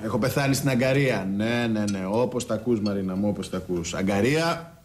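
A man's voice: on the low side, a little hiss or hum, close to an everyday voice. An actor playing a theatrical, gossipy male army conscript on guard duty in a television drama.

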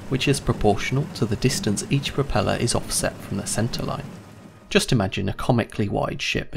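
A man giving a scripted, clear and measured explainer narration about handling ships. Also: medium pitch, slight background noise. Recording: voice-over with faint music behind.

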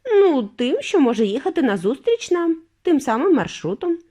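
A gallant, cheerful eccentric gentleman who runs a factory, as a woman plays him in a storybook. His voice is bright and reassuring, with a lively, bouncing pitch. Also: normal speed. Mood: cheery.

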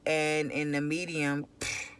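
A woman's voice: low voice, level tone, takes it slowly, fairly bright tone, smooth. A woman vlogger chatting casually to her phone camera from inside a car, in a loose, rambling way that repeats itself. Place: inside a parked car at night. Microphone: phone camera at arm's length.

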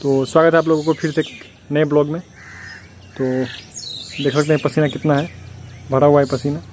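Young man, village vlogger from Bihar, mellow voice, slightly high, chatty and complaining, phone held at arm's length outdoors. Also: little pitch movement, moderate pace, a little hiss or hum. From Bihar, India. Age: young adult. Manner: chatty, complaining, explains step by step. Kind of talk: casual vlog to camera. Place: outdoors at a building site and rice fields.

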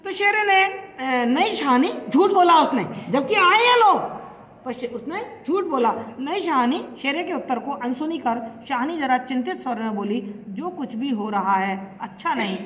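A woman's voice: high-pitched, expressive, moderate pace, fairly bright tone. A woman teacher explaining a literature text, who keeps paraphrasing and repeating each point. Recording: echoey room with long reverb, faint hiss.

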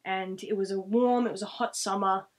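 Speaking at a moderate pace in a mid-range voice with fairly even intonation, a woman vlogger in her thirties rambles through casual, reflective stories to camera. She has an Australian accent and is seated indoors in a small room at home.

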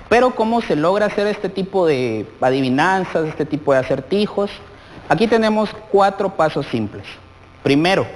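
Man, children's TV teacher, keeps asking the viewer questions; animated delivery with a long room echo. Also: on the high side, a little hiss or hum. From Guatemala. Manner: asks many questions directly of the child viewer. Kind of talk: televised lesson for children.

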